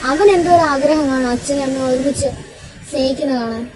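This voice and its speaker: A woman's voice: high-pitched, fast talker, a little mellow, lightly acted, poor audio. A woman playing an earnest young woman in a home audio drama, steadily reasoning and persuading. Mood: pleading. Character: earnest young woman pleading with her elder. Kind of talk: amateur audio drama acting. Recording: recording with crowd noise behind.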